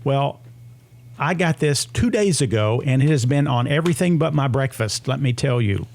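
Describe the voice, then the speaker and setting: A man's voice: mid-range voice, expressive, normal speed, darkish tone. A man in his sixties hosting a radio show, talking casually about health. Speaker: radio host.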